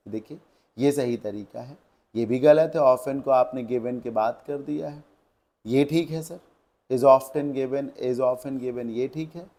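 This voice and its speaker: A male grammar teacher with an Indian accent walks through an exam-prep lesson at an unhurried, measured pace. He poses questions to the class and answers them himself, and he reads each English example sentence out slowly, one word at a time. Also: medium pitch, darkish tone.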